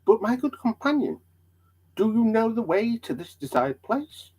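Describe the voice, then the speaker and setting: Man acting an eager, hammy, high-voiced traveller. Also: sing-song, moderate pace, darkish tone, husky, exaggerated voice, rough recording. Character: Pliable, eager, credulous, curious male traveller. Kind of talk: dramatic reading of old allegory.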